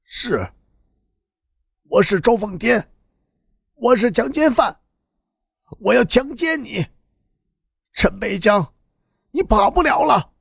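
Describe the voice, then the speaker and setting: A man's voice: extremely high pitch, lively intonation, slow pace, creaky, long pauses, a bit bright, slightly rough, dry recording, clean studio sound, full character voice. A male narrator voicing a battered man who urgently pleads to be beaten. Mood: taunting. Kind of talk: audiobook narration.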